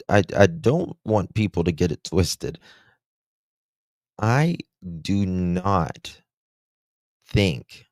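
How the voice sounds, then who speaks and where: Hosting a true-crime livestream, this man talks casually with a deep, slightly mellow voice. His speech comes slowly and haltingly, stuffed with fillers, and there's no echo.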